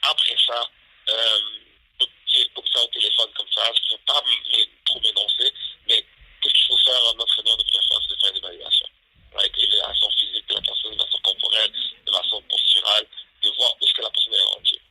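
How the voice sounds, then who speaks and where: A man's voice: on the low side, flat delivery, a little fast, bright, forceful tone, slightly rough. A man, a fitness coach answering interview questions over the phone, repeating himself and tagging lines with "right?". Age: 30s. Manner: repetitive, peppers talk with "right?". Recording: phone line.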